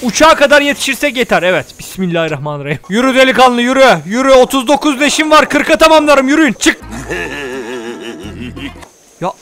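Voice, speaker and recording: A young man narrates his gameplay in a quick, high voice. He is rowdy and jokey, swears freely and keeps addressing his viewers. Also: animated, sharp tone. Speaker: gaming YouTuber. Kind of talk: let's play commentary.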